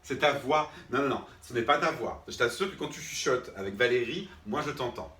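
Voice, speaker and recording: Here the drama-teacher sketch has him at a medium pitch, talking a little fast with a pushed, bright delivery. The exasperated character goes from patient to irritated with his invisible class, always checking "d'accord?", and the far-off mic gives a roomy sound.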